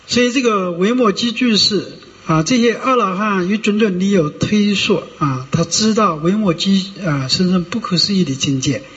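A man, a Buddhist monk, giving a rambling sermon with drawn-out filler sounds and frequent rhetorical checks on his listeners. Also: high-pitched, fairly bright tone. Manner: discursive, many drawn-out "ah" fillers and rhetorical "you know?" checks. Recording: dull lo-fi recording with long hall reverb.

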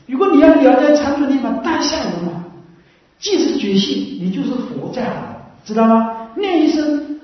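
A woman giving a Buddhist dharma talk who explains in a repetitive way and keeps asking listeners short rhetorical questions. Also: fairly high pitch. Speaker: Buddhist teacher. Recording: very echoey room, mic far off, dull lo-fi sound.

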